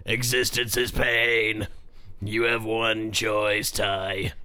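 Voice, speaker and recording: A man doing a mocking impression of a miserable wrestler with a strained smoker's rasp, speaking slowly and bleakly with menace. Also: on the low side, flat delivery, sharp tone, exaggerated voice. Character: weary, miserable gravel-throated male wrestler, a mocking impression.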